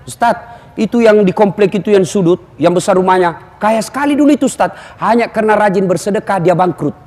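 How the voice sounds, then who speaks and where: A man preaching a humorous sermon, teasing the audience in an animated way. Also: high voice, a little fast, in a large hall.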